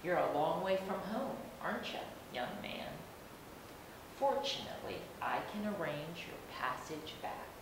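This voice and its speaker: A proud, kindly eagle, acted out by a woman in a picture book read to young children. The words come slowly and formally in a very echoey room with clear background noise. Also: sing-song. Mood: proud, measured. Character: gruff but kindly, proud old-fashioned male eagle. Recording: roomy, distant microphone, rumbling background noise.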